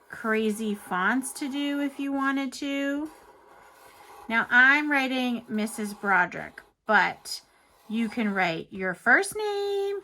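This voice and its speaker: A woman's voice: on the high side, sharp tone, a little hiss or hum, rough recording. A woman hosting a children's art lesson, giving simple, encouraging step-by-step instructions. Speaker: children's art teacher and show host.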